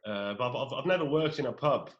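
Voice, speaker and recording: Norwegian-born man, 40s, mid voice, halting and repetitive, casual guest. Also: mid-range voice, lively intonation, dull audio. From Norway. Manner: halting, many repeated words. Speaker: pub owner guest. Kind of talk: casual interview.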